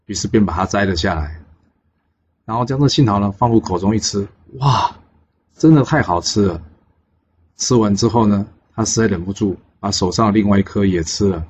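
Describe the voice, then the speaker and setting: Lowish-voiced male storyteller, lo-fi sound. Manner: lively, with many pause fillers. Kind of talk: storybook narration. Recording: dull lo-fi with faint hiss.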